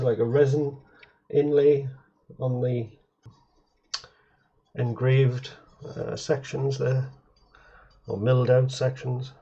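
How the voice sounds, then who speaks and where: A retro computer hobbyist shows off hardware at his home workbench, rambling, hesitating and often fixing his words mid-sentence. His mid-range voice is warm and slightly rough, and the audio sounds slightly dull and muffled.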